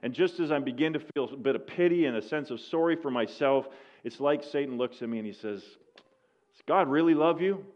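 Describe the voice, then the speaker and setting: A man preaching a sermon, telling a story that swells loud and then drops to slow, hushed lines. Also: mid-range voice, dull audio.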